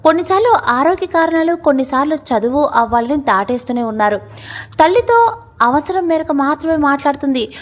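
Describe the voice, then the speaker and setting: Lively high-voiced woman narrating a family story. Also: fairly quick.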